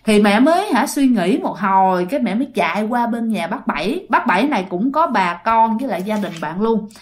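A woman with a Southern Vietnamese accent telling a ghost story in an animated way, speaking straight to her listeners. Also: mid-range voice, brisk.

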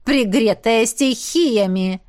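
A woman's voice: on the high side, slow, a little mellow. Lady doing a snide witch girl, sneery and teasing, storybook read. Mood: sneering. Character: mocking venomous young female witch student.

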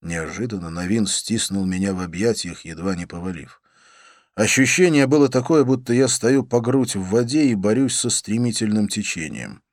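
A man narrating a novel in the first person, calm, with phrases falling low at the ends. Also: normal speed, no echo, studio quality. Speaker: audiobook narrator.

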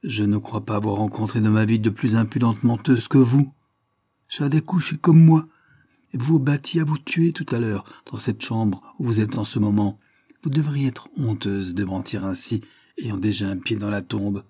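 A man voicing a stern, scornful gentleman who speaks curtly. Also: on the low side, steady tone, moderate pace, breathy edge, no echo. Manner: curt, scornful.

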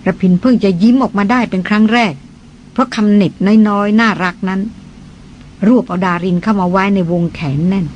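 A Thai audiobook reader narrating a novel in a measured, even manner. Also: mid-range voice, muffled recording, a little hiss or hum.

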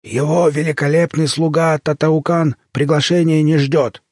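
A man voicing a stolid male crocodile gangster henchman, speaking slowly in a hoarse, deadpan, pompous way. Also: fairly high pitch, no echo, clean studio sound, voice pushed up, lightly acted. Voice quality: hoarse, husky.

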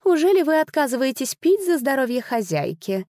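A woman's voice: medium pitch, expressive, normal speed, darkish tone, no echo, clean studio sound, natural voice. A woman voicing a silky, mocking noblewoman. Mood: coldly angry. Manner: silky, mocking, with hidden anger. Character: lady host, beautiful, sweetly courteous turning venomous.

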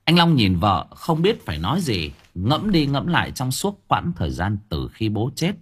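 A man's voice: medium pitch, huge pitch swings, moderate pace, husky. A man narrating a comic story in a wry, colloquial way. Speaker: audiobook narrator.

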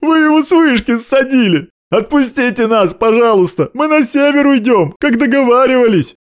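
A man's voice: extremely high pitch, lively intonation, moderate pace, pitched above the performer's own voice. A man voicing a sobbing male guard pleading to surrender in an audiobook. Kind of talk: audiobook narration.

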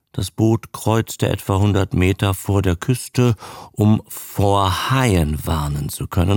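A man narrating a novel for a radio reading in a measured, expressive storytelling manner, close to a studio mic. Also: lowish voice, vocal fry, no room sound.

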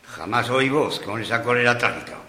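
An actor playing a bitter, despairing bohemian poet in a radio drama, declaiming in a husky, literary manner. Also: male voice, medium pitch, expressive, moderate pace, pushed and bright, roomy sound, in a large hall, a little hiss or hum. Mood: anguished rage.

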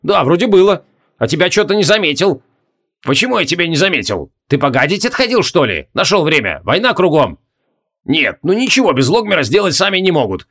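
A carefree, dim-witted young barbarian hero chatters away, repeating himself in a high, bouncy voice, as a man reading an audiobook puts him on. His pitch sits well above the reader's own and swings freely from line to line. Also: sing-song, fairly quick, a bit bright, slightly rough, exaggerated voice. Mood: cheerful rambling.

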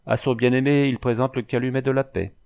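A man's voice: mid-range voice, flat delivery, fast talker, creaky, a little mellow, natural voice. A man voicing an old sorceress who speaks in solemn, cryptic riddles. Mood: oracular. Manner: solemn, oracular speech in riddles.

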